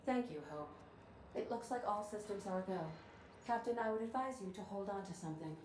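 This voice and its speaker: Echoey, deadpan female ship AI voiced by a woman. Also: mid-range voice, fairly quick, background noise, lightly acted. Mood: calm, matter-of-fact. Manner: deadpan, formal, precise. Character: witty female ship artificial intelligence, dry and deadpan, loyal. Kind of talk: scripted video game acting.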